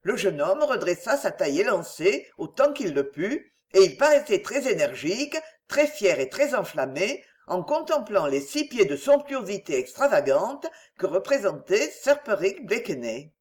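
A woman reading an audiobook aloud in an expressive storytelling manner. Her pitch moves with lively rises and falls. She sits in the middle of the female range. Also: moderate pace, hardly any pauses. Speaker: narrator. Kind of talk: audiobook narration.

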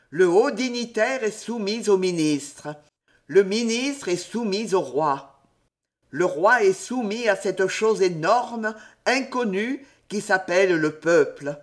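A man reading a historical novel aloud as an audiobook, with theatrical delivery that he shifts for each character's dialogue. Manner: theatrical, sweeping pitch for dialogue. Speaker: audiobook reader. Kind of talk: expressive audiobook narration.

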